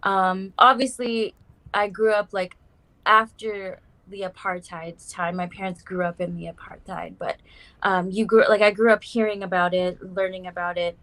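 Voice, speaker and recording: A guest musician in a casual interview, this young adult woman from South Africa talks at normal speed with medium pitch and fairly even intonation. Her speech is chatty, packed with warm "like" and "um" fillers.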